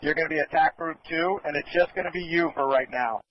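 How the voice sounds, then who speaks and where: A man's voice: on the high side, quick pace. A man acting as fire incident commander, giving orderly, polite instructions over a two-way radio. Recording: dull radio recording with faint noise.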